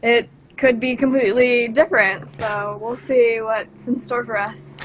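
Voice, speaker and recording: A woman's voice: fairly high pitch, steady tone, unhurried, slight background noise. A young woman speaking on a video call from a cruise ship cabin, explaining chattily with fillers.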